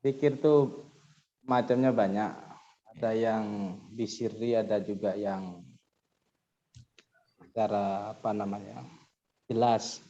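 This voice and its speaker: A man, calling in over the phone, answering questions in a polite, hesitant way and pausing to search for words. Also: fairly low pitch, fairly even intonation, warm tone. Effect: heard over a phone line. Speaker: caller in a religious Q&A. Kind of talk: casual question-and-answer chat. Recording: dull lo-fi phone line.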